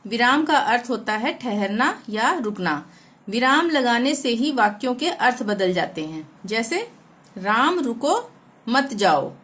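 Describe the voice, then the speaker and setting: A woman teaching a Hindi grammar lesson, reading example sentences slowly and deliberately. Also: on the high side, a bit bright.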